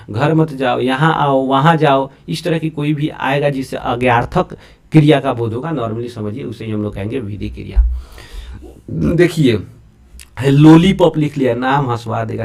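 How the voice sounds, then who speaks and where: A man teaching grammar, explaining lively and checking whether students follow. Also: medium pitch. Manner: lively, repeatedly checks understanding with rhetorical questions. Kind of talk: classroom-style lesson explaining to students.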